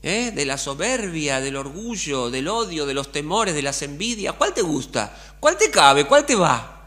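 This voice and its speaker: A man's voice: a little high, sing-song, a little slow, pushed and bright. A middle-aged man with an Argentine accent preaching a sermon as pastor, colloquial and full of rhetorical questions. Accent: Argentine Spanish.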